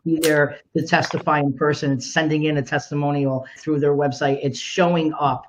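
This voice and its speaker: A man's voice: on the high side, little pitch movement, moderate pace, muffled recording. A man, a film director, speaking earnestly and emphatically on a festival Q&A panel.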